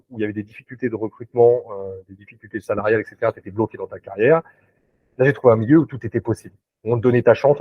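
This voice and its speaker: A man in recruitment, speaking at a medium pitch, joins a casual interview over video call as the guest. His speech is hesitant and full of fillers and restarts, and the dry, tinny audio has no echo.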